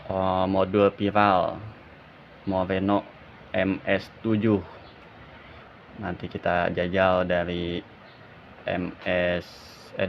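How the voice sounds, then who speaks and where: A man casually demonstrating a horn module, plainly announcing each tone in turn. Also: low voice. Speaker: shop seller demoing horns. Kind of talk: casual product demo. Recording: lo-fi with loud ambient noise.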